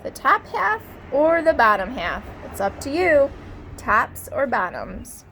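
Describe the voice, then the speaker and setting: A woman's voice: high voice, very animated, takes it slowly, a bit bright, a little hiss or hum, heavily acted. A woman reading the part of a clever male hare, a storybook trickster with upbeat, persuasive patter. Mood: eager, persuasive.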